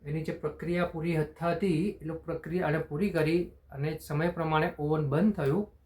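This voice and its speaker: A man narrating a spoken short story in the first person, in an unhurried, unpolished way with restarts and searching for words. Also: fairly high pitch, steady tone, a little mellow.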